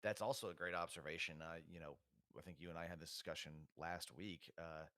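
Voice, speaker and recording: A man under forty hosts relaxed remote commentary, talking along in a chatty, easygoing way. His voice sits low and sounds dry and close. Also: fairly quick, no echo. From United States. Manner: chatty, easygoing, with frequent fillers.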